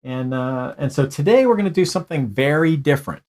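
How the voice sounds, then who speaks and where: A man's voice: on the high side, animated, fairly quick, a little mellow. Rambling man hosting a casual live show. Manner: rambling, many hesitations and restarts. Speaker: co-host of a live online show. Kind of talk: casual live-stream chat.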